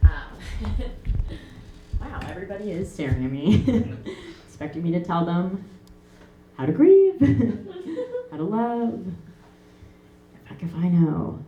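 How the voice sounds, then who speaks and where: A woman's voice: lowish voice, very animated, slow, long pauses, dark tone, muffled recording. A young woman performing a comic monologue in a stage musical, chatty and self-mocking, full of fillers. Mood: wry. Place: theater stage, live. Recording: roomy stage with faint music.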